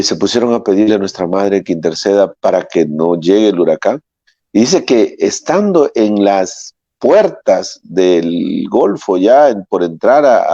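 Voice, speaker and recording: A middle-aged man, a priest, giving a homily full of anecdotes and often pausing to search for words. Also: fairly low pitch, a little mellow, no room sound. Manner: rambling, searches for words, many fillers. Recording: dull, dry lo-fi sound.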